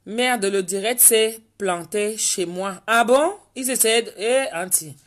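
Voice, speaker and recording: Chatty woman, mid-pitched, hosting a home live stream and answering viewers. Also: slow. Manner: chatty, reads viewer names aloud and answers them. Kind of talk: casual livestream chat reading viewer comments.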